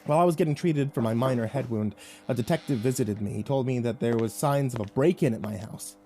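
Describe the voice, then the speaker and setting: Male creepypasta narrator, tense first-person delivery with nervous stammers, mid-pitched voice. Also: quick pace, warm tone, soft background music. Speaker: horror story narrator.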